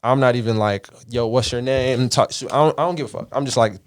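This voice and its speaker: A man's voice: medium pitch, very fast, clean tone. A man from the Caribbean, hosting a podcast, telling a story in a casual, profane way and acting out the voices he quotes. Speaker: podcast host.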